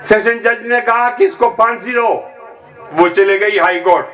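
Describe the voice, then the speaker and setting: High-voiced man preaching a fiery sermon. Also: a bit bright, rough recording. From Pakistan. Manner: rousing, leads the crowd in chants; emphatic and combative.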